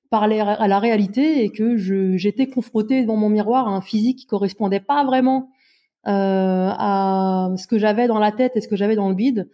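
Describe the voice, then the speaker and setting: A woman in her forties from Brittany, speaking as a podcast guest in a hesitant, self-mocking way with many pauses. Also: mid-range voice, lo-fi sound. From Brittany, France. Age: 40s. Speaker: guest, amateur endurance runner. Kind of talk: podcast interview.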